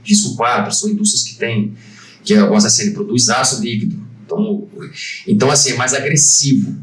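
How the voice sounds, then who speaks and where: A man's voice: mid-range voice, very animated, fairly quick. Hesitant Brazilian man in a roomy space. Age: 50s. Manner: hesitant, many fillers and restarts. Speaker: guest, franchise owner. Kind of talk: conversational podcast interview. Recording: roomy, distant from the mic.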